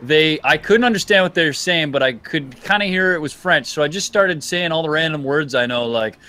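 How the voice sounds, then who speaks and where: A man's voice: on the high side, fairly quick, bright, forceful tone. A man telling funny stories while playing a racing game with friends on a stream. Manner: joking storyteller, laughs often. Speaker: stream guest. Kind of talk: casual gaming chat.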